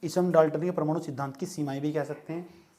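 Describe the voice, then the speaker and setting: A man teaches a live class in a playful, joking manner, often pausing to check that his students have understood. His voice sits a little high for a man. Faint background noise runs under the recording. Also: fairly even intonation, mellow. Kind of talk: classroom lecture.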